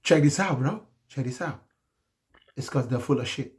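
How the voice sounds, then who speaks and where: A man hosting a live call-in talk show, brash and animated, laughing often as he riffs on callers. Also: mid-range voice, moderate pace. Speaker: host. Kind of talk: casual live call-in chat.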